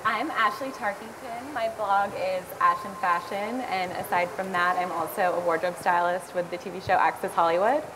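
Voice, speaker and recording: A woman's voice: medium pitch, steady tone, moderate pace, hardly any pauses, background noise. A woman blogger and wardrobe stylist introducing herself on a panel at an event, matter-of-fact. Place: event hall.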